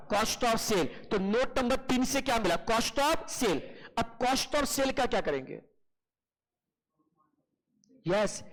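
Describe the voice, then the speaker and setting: A male accountancy teacher giving an online class, firing quick questions at his students and answering them himself, calling them "beta". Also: extremely high pitch, a bit bright, poor audio.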